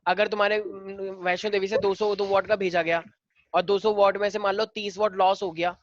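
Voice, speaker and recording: A man's voice: high-pitched, little pitch movement, moderate pace, no room sound, lo-fi sound. Hindi-teacher man quizzing his class. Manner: mixes Hindi and English, drills students with questions. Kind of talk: online class problem-solving.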